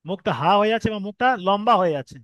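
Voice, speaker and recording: In an online Quran reading lesson, a man with a Bengali accent teaches how to read Arabic letters, patiently explaining each step and stretching sounds to demonstrate. His voice sits high and fairly bright, he speaks at a quick pace, and there's no echo.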